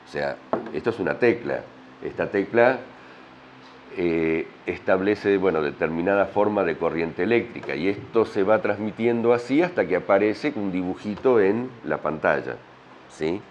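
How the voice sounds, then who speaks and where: A man's voice: low-pitched, lively intonation, moderate pace. A man with an Argentine accent giving a university lecture, explaining step by step and often checking in with the class. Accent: Argentine Spanish. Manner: explanatory, checks understanding with frequent tag questions. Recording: dull lo-fi lecture recording with faint noise.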